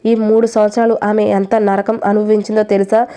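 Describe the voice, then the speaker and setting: A woman's voice: mid-range voice, level tone, brisk, mellow, lightly acted. A woman voicing an angry young man who protects his sister and accuses her lover. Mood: accusing.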